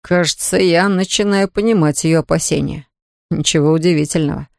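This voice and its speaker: A woman's voice: fairly low pitch, fairly quick, darkish tone, no room sound, studio quality, close to an everyday voice. A woman voicing an ardent, confident young man who reassures his fiancée earnestly. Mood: tender.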